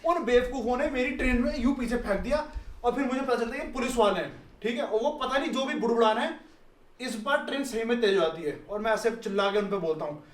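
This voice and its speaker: A man, telling a story in casual chat, animated, acting out voices and laughing often. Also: extremely high pitch, quick pace. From Delhi, India. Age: 20s.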